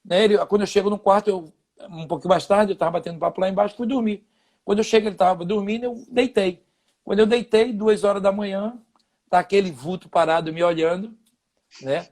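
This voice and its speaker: A man's voice: high-pitched, fairly even intonation, brisk, darkish tone. A Brazilian man in his fifties, a former footballer, telling anecdotes in a casual interview with quoted dialogue.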